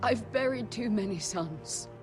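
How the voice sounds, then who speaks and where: Casting: woman for middle-aged game noblewoman, wary and firm, medium pitch, over music. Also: expressive, measured pace, close to an everyday voice. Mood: grieving. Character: grieving, steely noble matriarch, cautious and firm. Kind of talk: dramatic video game acting. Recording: music behind the voice.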